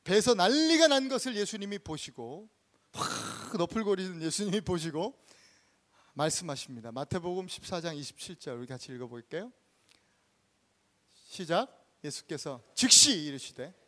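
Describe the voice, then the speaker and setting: A male pastor giving an animated storytelling sermon in a church, acting out the scenes he tells. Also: sits high, normal speed, long pauses. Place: church sanctuary.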